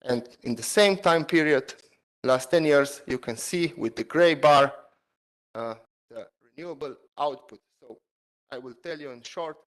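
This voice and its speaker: Man giving a halting online seminar talk. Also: on the high side, poor audio. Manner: halting, many fillers, non-native phrasing. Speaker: PhD student presenter. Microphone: video call.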